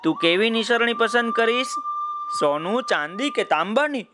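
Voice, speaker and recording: A man voicing a kind, magical golden crow in a children's story, speaking gently and coaxingly. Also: very high-pitched, animated, moderate pace, noisy background, voice pushed up. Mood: gentle coaxing.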